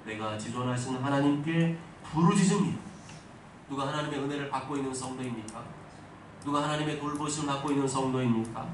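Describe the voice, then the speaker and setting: A man's voice: medium pitch, fairly quick. Man preaching in an echoing church. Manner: emphatic, rising to loud exhortations. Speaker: pastor. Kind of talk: sermon. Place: church sanctuary. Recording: echoey hall, distant mic, noisy.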